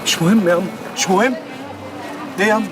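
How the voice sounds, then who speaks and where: A man's voice: high-pitched, fast talker, natural voice. An actor with an Egyptian accent playing a son who insistently pleads with his mother. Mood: pleading. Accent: Egyptian Arabic. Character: pleading son, young man, emotional. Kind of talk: TV series acting. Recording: loud music score behind.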